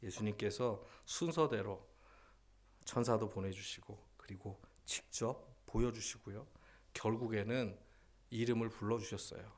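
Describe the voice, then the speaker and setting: Man, pastor, Sunday sermon, fairly low voice, emphatic, rhetorical questions. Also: a little slow. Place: church sanctuary.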